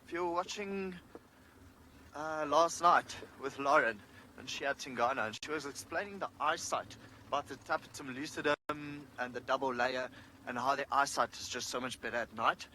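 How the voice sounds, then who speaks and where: A safari guide with a mid-range, pushed, bright voice gives informal live wildlife commentary from a vehicle outdoors, thinking aloud as he explains at a moderate pace. The low-quality recording picks up faint outdoor and vehicle noise against the ambience.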